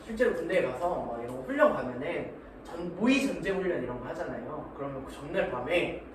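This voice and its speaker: A man's voice: on the high side, lively intonation, fast. A man teaching math in a classroom, joking in slang, acting out little scenes, and checking often that students follow. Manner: slangy, keeps checking understanding. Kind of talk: classroom lecture. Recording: echoey room from far off, noisy.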